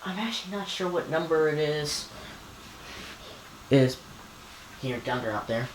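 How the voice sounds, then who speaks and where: A man's voice: fairly high pitch, animated, unhurried. A man giving casual, off-the-cuff commentary as a hobbyist, hesitant and often trailing off. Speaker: weather alert recording hobbyist. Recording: echoey room with faint ambient noise.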